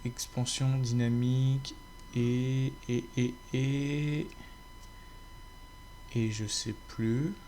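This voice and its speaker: Homme au débit hésitant, faint hum. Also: male voice, medium pitch, little pitch movement, drawn-out words, long pauses, mellow. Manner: rambling, many fillers and restarts. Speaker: gaming YouTuber. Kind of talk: casual chat to viewers.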